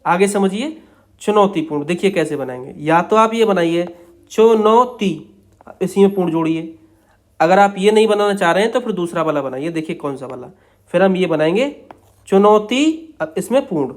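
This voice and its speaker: A man's voice: high-pitched, lively intonation. A young man walks through shorthand outlines one at a time. He talks patiently, repeats himself often, and checks in with short confirmations. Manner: patient, repetitive, explains each outline slowly. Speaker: stenography teacher. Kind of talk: step-by-step shorthand lesson.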